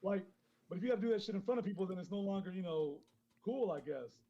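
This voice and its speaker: Fast-talking stoned man on a lo-fi call. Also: sits high, expressive. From born in Honduras, grew up in Queens, New York. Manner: rambling, heavy swearing, frequent laughs. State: high. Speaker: guest caller, clothing brand founder. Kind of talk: casual podcast chat. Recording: dull lo-fi phone call.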